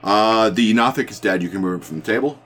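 A man's voice: on the low side, fast, a bit bright, slight background noise. A man casually narrating a tabletop game as game master.

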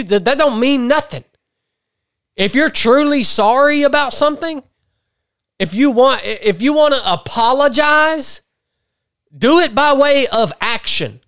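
A man's voice: very high-pitched, fairly bright tone, clean tone, no room sound, studio quality. A man hosting a podcast, ranting bluntly and restarting his sentences. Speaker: podcast host. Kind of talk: casual chat.

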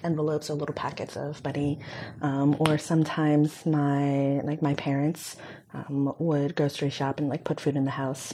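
Low, mellow-voiced woman recounting her story. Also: slight background noise. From Hong Kong. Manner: reflective, speaks with frequent fillers. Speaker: guest. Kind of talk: conversational interview.

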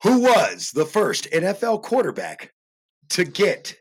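A man co-hosting a casual football podcast who runs a trivia question, loud and joking, laughing often. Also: high-pitched, wildly swooping pitch, unhurried, husky. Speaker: podcast co-host running trivia. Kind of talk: casual banter.

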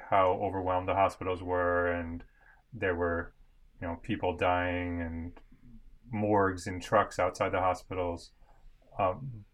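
Deep-voiced American photojournalist. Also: male voice, a bit bright. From United States. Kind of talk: interview guest.

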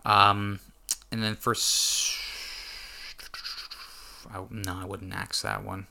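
A man's voice: fairly low pitch, little pitch movement, takes it slowly, creaky, pushed and bright. A young man chatting as a podcast guest, rambling with lots of restarts and frequent swearing. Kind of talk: casual chat.

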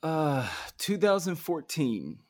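A man hosting a conversational interview, gently prompting his guest with questions, with fillers along the way. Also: on the high side, sing-song, slow pace. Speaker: interview host.

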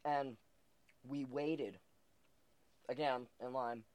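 Speaking very slowly in a medium-pitched voice, the young man swears freely and keeps breaking into laughter while telling animated stories in a casual chat. The recording is dry.

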